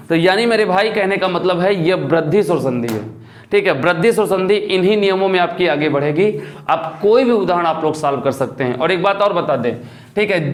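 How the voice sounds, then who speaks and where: A man teaching a grammar lesson, often asking a question and then answering it himself. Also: sits high. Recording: echoey room.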